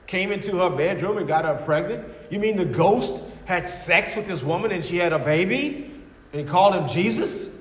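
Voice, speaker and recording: A man's voice: high voice, animated, moderate pace. A man voicing a scoffing male atheist who challenges a believer with mocking questions, in an echoey hall. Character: scoffing skeptical male atheist arguing at the door. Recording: echoey hall with faint noise.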